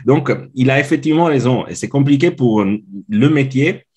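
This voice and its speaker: A man's voice: mid-range voice, lively intonation, moderate pace, a little mellow, husky. A man in his forties from Italy, speaking French with an Italian accent as an interview guest, hesitant with many filler sounds and restarts. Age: 40s. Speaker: guest, customer experience consultant. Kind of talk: casual interview chat.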